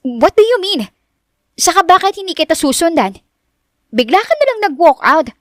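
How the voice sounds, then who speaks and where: A woman's voice: extremely high pitch, sing-song, dry recording, studio quality, voice pushed up. A woman voicing an outspoken, bubbly young woman who speaks eagerly, read as an audiobook character. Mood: pleading. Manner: eager and bright, quick to exclaim.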